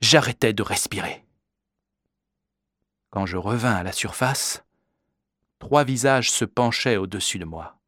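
A man reading a first-person story aloud in a measured, vivid narrating voice. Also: fairly low pitch, a bit bright, dry recording, clean studio sound. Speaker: audiobook reader. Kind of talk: scripted narration.

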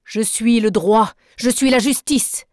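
A woman reading aloud and voicing a vengeful, defiant male sea captain, loud, slow and declamatory, in a dry recording. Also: on the high side, no echo. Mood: impassioned.

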